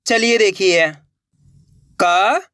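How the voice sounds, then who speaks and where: A man's voice: sits high, sharp tone, dry recording, clean studio sound. A man teaching a beginner reading lesson, sounding out syllables one by one and often checking that the learner follows. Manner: slow, drawn-out syllable drills with repeated checks for understanding.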